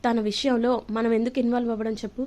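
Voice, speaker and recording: A woman voicing a calm older father who reproaches his family, in a telling of a TV serial. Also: on the high side, lightly acted. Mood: reproachful. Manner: reproachful, measured.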